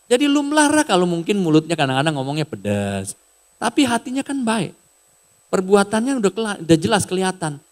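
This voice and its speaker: Animated pastor, higher voice. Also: male voice, fairly quick. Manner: casual, animated preaching with raised shouted bits. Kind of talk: sermon.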